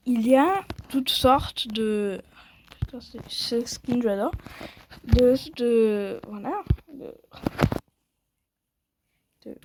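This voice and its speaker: High-voiced playful woman narrating gameplay. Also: extremely slow, long pauses, heavy background noise. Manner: playful, rambling and self-mocking. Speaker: mobile game commentator. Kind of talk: casual gameplay commentary.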